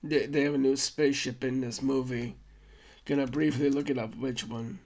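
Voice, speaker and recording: Medium in pitch, fairly even in intonation and darkish in tone, a man hosts a podcast at a moderate pace. His film recap is loose and rambling, with frequent self-corrections and stammered restarts.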